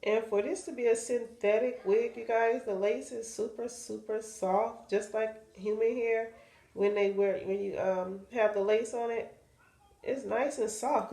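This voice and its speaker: A woman's voice: on the high side, darkish tone, echoey room. A woman with a stuffy, nasal voice from sinus trouble, chatting casually to viewers while showing how she cuts and installs a wig. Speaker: wig seller demonstrating a wig install. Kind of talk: casual how-to vlog chat.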